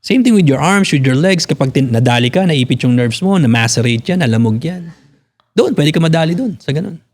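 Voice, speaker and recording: A man's voice: on the high side, expressive, brisk, darkish tone. A Filipino physical therapist in his forties, talking bluntly in a casual podcast conversation, swearing freely and mixing in English. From Philippines.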